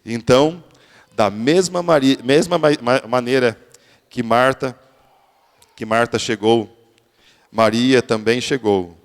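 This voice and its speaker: A man preaches a sermon in a church, frequently restarting his phrases before building up to emphatic peaks. His voice is medium in pitch, slow, with long pauses, and the hall adds long reverb.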